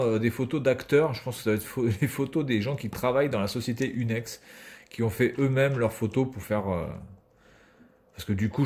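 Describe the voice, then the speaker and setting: A man's voice: mid-range voice, darkish tone. A man giving casual video game commentary as a streamer, sarcastic and swearing freely.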